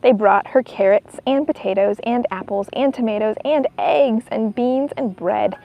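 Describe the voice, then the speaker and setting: A woman reading a children's book aloud in an expressive storytelling style, as a narrator for young listeners. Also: on the high side, normal speed, creaky, highs cut off.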